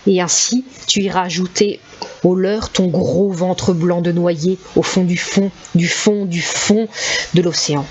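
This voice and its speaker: A cruel, ancient witch, voiced by a woman reading the story aloud, drawing her words out slowly and tauntingly. The recording sounds a little dull, with a faint hiss beneath it. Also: lowish voice, fairly even intonation, a little mellow, lightly acted. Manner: slow, taunting, drawn-out. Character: ancient cruel skeletal old witch on a swing.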